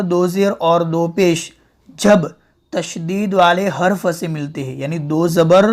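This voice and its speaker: Slow, deliberate male Quran teacher. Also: sits high. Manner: repeats each example slowly, drawing out the sounds. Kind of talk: step-by-step tajweed lesson.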